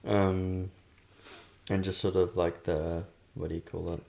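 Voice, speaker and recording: A man's voice: low voice, little pitch movement, unhurried, vocal fry, warm tone. A man hosting a casual chat, talking hesitantly with lots of fillers and trailing phrases. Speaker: podcast host.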